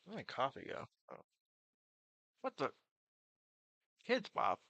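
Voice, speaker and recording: Male streamer, creaky voice, toothless slur, halting casual rambling, close dry sound. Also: on the high side, huge pitch swings, bright, forceful tone, no room sound, muffled recording. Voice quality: slurred, toothless articulation. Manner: halting, meandering, trailing off. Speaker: live streamer.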